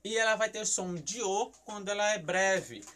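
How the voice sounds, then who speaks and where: In a recorded Hebrew syllables lesson, a Brazilian man speaks in a high, slightly bright voice at a moderate pace, with a Brazilian Portuguese accent. He explains by raising questions and answering them himself, often repeating words mid-thought.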